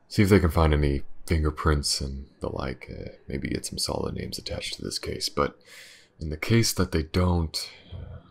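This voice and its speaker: A man fully voices a weary, driven detective investigating a dark mystery in an intimate audio roleplay. His very deep, gravelly voice comes out hesitant and muttering, with a brooding, thoughtful mood.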